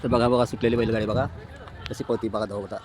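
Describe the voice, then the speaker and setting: A man's voice: fairly low pitch, fast. A man giving live commentary at an outdoor race, talking to viewers as friends and repeating "look" again and again. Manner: repeats "look" over and over, excited as carts pass. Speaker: vlogger commentating a bullock cart race. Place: outdoors at a rural bullock cart race. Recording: loud outdoor crowd and noise. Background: loud crowd and noise of a race.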